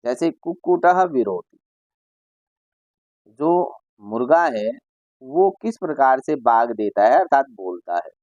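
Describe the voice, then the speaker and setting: A man teaching a Sanskrit school lesson at a slow, unhurried pace, talking straight to the children. He reads each Sanskrit line aloud, then explains it in Hindi. The sound is dry and a little dull, close to the mic. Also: mid-range voice, sing-song, a little mellow, no echo. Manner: addresses children directly and imitates bird calls.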